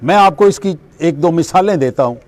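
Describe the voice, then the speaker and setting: A middle-aged man delivers a spiritual lecture in a high-pitched voice. He works through everyday examples and poses questions that he then answers himself. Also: expressive. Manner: explains with everyday examples, asks and answers his own questions. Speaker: religious speaker.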